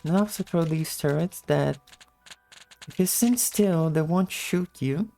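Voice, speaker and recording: A woman with a low-energy, just-woke-up morning voice giving a casual gameplay tutorial in commentary style. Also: unhurried, creaky, mellow, faint music behind. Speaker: video game guide narrator.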